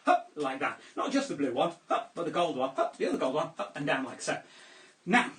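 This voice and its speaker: A man's voice: fairly high pitch, sing-song, a little fast, fairly bright tone, far from the mic. A man performing a children's juggling show with playful, jokey, theatrical patter. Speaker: children's entertainer. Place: home room during lockdown. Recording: echoey room, voice a little off-mic.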